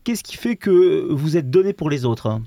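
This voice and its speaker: A man's voice: fairly high pitch, animated, moderate pace, mellow, dry recording, clean studio sound. A man interviewing and introducing a guest, speaking emphatically and full of praise. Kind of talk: enthusiastic interview presentation.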